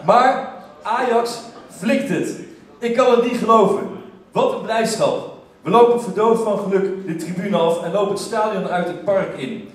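A man telling a humorous story to a live theater audience, lively and breaking into shouted exclamations. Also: sits high, a little slow. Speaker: stage storyteller. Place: theater stage. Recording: echoey theater from far off.

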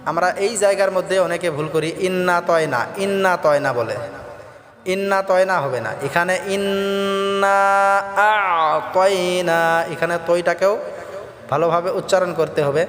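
High-voiced man chanting in a roomy hall. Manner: slow melodic chanting of verses between quick spoken explanations. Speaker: Quran recitation teacher. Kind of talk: recitation lesson. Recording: roomy long reverb with faint background music.

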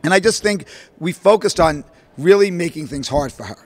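At a postgame press conference, a middle-aged male basketball coach stands at a podium in front of a logo backdrop in the press room. Pitched fairly high and at normal speed, he answers into the podium mic in animated, filler-heavy, rambling bursts, with no echo.

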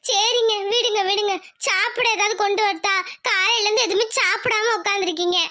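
A woman voicing a caring older village wife who speaks softly and coaxingly in a cartoon. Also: extremely high pitch, steady tone, a little fast. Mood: gentle. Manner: soft, coaxing. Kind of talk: cartoon voice acting.

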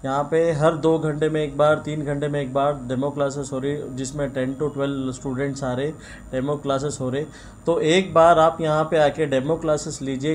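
A man's voice: mid-range voice, a little mellow, slight background noise. A young man, a shop owner talking earnestly to press mics, often adding blessings. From India. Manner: earnest, frequent religious blessings. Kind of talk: press interview. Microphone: bunch of press mics on table.

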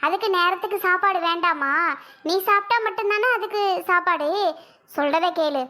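Woman voicing a nagging mother in a family skit, high-pitched, insistent, scolding. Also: moderate pace, sharp tone. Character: scolding mother fussing over pregnant daughter.

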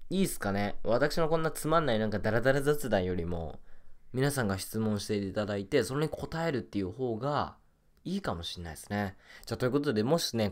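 A young man chatting casually while playing a mobile game, muttering and repeating little phrases to himself. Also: medium pitch. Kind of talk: casual rambling gameplay chat.

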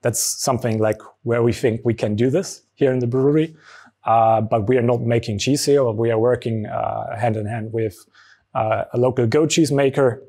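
A man in his thirties with a German accent, a brewery founder answering interview questions in a relaxed way with many fillers, on a lapel mic in a barrel room. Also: mid-range voice, moderate pace. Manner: frequent fillers, relaxed explaining. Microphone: small lapel mic.

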